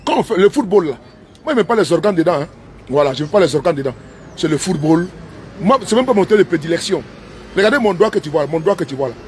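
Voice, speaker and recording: A man with a notably high voice rambles on in a loose livestream monologue, repeating himself and drifting into broken English. He is recorded on a phone inside his car while the engine runs, with a faint hum of noise behind him. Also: animated, quick pace. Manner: repetitive, talkative, mixes in broken English. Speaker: live streamer.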